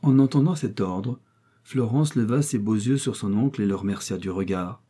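Deep husky male audiobook narrator. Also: normal speed, dark tone. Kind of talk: scripted narration of a classic novel.

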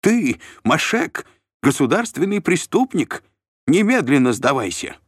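A man voicing a short, self-important male official who shrieks orders in a shrill, pompous way, in an audiobook reading. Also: sing-song, measured pace, dry recording, clean studio sound. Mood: shrill commanding.

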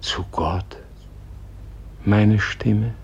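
An actor playing a dying, weary and pleading Gandhi in a solemn poetic radio play, grave and halting, with a husky, breathy voice. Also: male voice, lowish voice, a little mellow, a little hiss or hum, heavily acted. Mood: sorrowful questioning. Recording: dull, muffled old radio recording.

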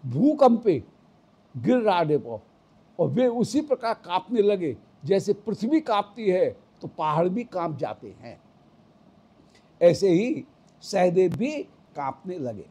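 A man's voice: high-pitched, big pitch swings, slow pace, mellow, slightly rough. A man giving a devotional scripture discourse, chanting verses and explaining them line by line. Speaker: devotional storyteller.

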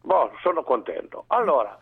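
A man's voice: medium pitch, very animated, moderate pace, creaky, a crowd in the background. A man from northern Italy calling a radio talk show over a landline phone, insisting and repeatedly asking whether he is heard. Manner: insistent, keeps checking he is heard. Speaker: radio call-in listener. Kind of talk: casual phone-in chat. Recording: tinny phone line.

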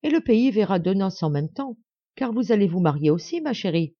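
A woman's voice: fairly low pitch, expressive, measured pace, no room sound, highs cut off. A woman voicing a haughty, spiteful young noblewoman who mocks with false sweetness, read in an audiobook. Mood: mocking.

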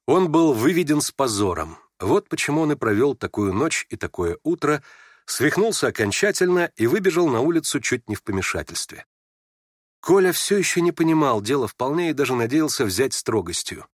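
An audiobook narrator with a mid-range voice reads a classic novel aloud in a measured, even storytelling style. The recording is studio quality with no echo.

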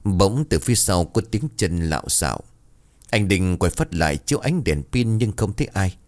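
A man's voice: low-pitched, big pitch swings, moderate pace, a little mellow. A man narrating a ghost story in a dramatic, suspenseful way.

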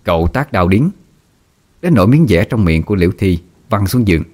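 Low-voiced man narrating a ghost story. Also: lively intonation, brisk, a little mellow.

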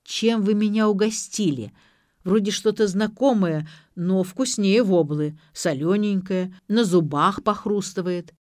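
A woman's voice: medium pitch, unhurried, darkish tone, no echo, studio quality, close to an everyday voice. Audiobook figure: a grumbling, querulous old pensioner, put on by a woman reader. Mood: puzzled. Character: grumpy old male pensioner in a theatre.

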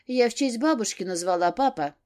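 A woman reading an audiobook, voicing a defensive, quick-tempered grown daughter. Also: a little high, lively intonation, darkish tone, pitched above the performer's own voice, lightly acted. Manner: flaring, defensive.

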